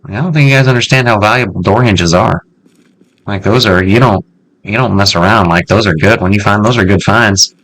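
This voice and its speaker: A man hosting a casual let's-play, chatting to himself in an excitable way and swearing freely as he loots. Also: lowish voice, fairly quick. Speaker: gameplay video host.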